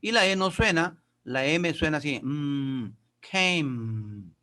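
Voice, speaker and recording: A man teaching a class speaks with a forceful, animated, bright voice that is fairly high and slightly raised. Addressing his pupils as kids, he takes grammar and pronunciation one step at a time, reading English sentences slowly and with deliberate care.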